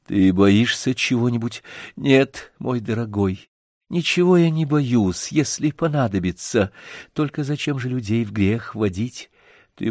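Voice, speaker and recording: A man reading an audiobook voices a gentle young village girl who speaks softly and earnestly. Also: medium pitch, no room sound, studio quality, natural voice.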